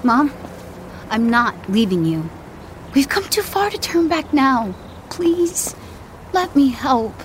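A woman's voice: high-pitched, very animated, takes it slowly, pauses often, slight background noise, full character voice. A young woman playing a stubborn, caring daughter in an audio drama, earnest and a little cheeky. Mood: worried, earnest.

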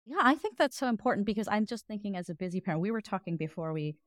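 A woman in her thirties hosting a podcast, asking questions quickly and affirming her guest. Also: medium pitch, animated, no room sound, clean studio sound. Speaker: podcast host. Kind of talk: conversational podcast interview.

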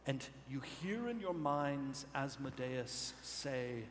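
A man narrating a tabletop game as game master on a live stage, with slow, deliberate storytelling. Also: medium pitch, expressive. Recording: live hall reverb, faint noise.

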